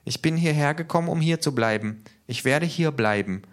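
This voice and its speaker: A man voicing a small, nervous male marsupial who talks in a high, agitated, rushing way. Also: lively intonation, lightly acted. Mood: stubborn.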